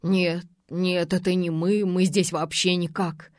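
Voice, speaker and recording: A woman doing a scared young man, pleading, defensive, low voice, dry close sound, audiobook. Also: flat delivery, takes it slowly, darkish tone, no room sound. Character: frightened young man, a cornered deserter.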